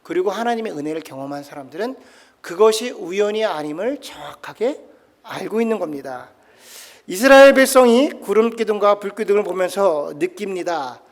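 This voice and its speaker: A man preaching a sermon as pastor. He moves between loud exclamations and soft, intimate lines, telling stories and acting out voices. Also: high voice, lively intonation, normal speed. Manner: tells anecdotes and acts out quoted voices.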